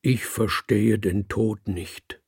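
Male narrator doing a grief-stricken old circus ape, dark and raspy. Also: lowish voice, fairly even intonation, slow pace, dry recording, studio quality, exaggerated voice. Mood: weary. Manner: despairing, breaks into bellowing.

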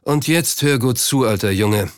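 A man voicing a gruff male crook with a rumbling voice, slow, coarse and threatening. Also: dry recording, clean studio sound, close to an everyday voice. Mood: menacing. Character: gruff male London crook, menacing and blunt.

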